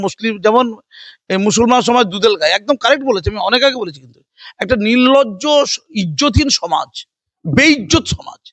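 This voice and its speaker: High-pitched, fast, combative older man. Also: a bit bright, no room sound. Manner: combative, sarcastic, rambling with mocking repetitions. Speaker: interviewee. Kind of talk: heated political interview.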